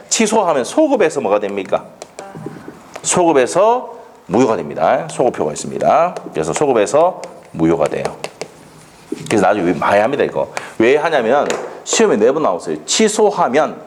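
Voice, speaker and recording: A man's voice: mid-range voice, darkish tone, a little hiss or hum. A man lecturing on law for an exam, quizzing students with rhetorical questions and blunt dialect jokes.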